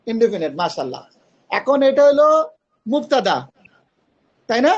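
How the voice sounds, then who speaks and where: Man, very high voice, patient grammar teacher, quizzes students, dull lo-fi audio. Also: sing-song, normal speed. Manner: patient, questioning students, mixes English terms. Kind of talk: online class explaining grammar.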